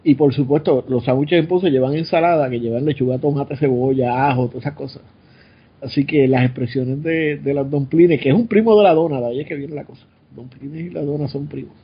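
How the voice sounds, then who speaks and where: A man's voice: medium pitch, brisk, husky, lo-fi sound. A man with a Puerto Rican Spanish accent, co-hosting a casual chat and explaining things in a musing way. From Puerto Rico.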